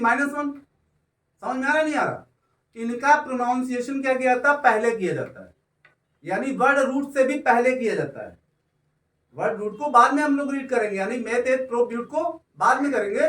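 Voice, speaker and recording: This is a man with a very high, slightly bright voice giving a chemistry lecture in a classroom. Stretching his words out, he repeatedly checks that his students are following along. His voice comes from a distance in an echoing room.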